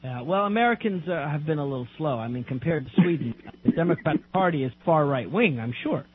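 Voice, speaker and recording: A man's voice: a little high, animated, a little fast, breathy edge. A man hosting a political talk radio show, talking emphatically and firing off rhetorical questions. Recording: tinny lo-fi radio audio.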